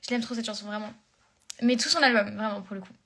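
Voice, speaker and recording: A woman's voice: medium pitch, fast talker, a bit bright. A young woman chatting casually on a live stream, rambling with many fillers and restarts. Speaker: live-stream host answering fans.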